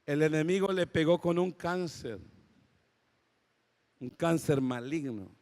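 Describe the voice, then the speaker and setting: A man with a Mexican accent preaching a sermon, telling dramatic stories and rising to shouted exhortation. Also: on the high side, slow pace. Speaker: pastor. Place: church auditorium. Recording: long church-hall reverb.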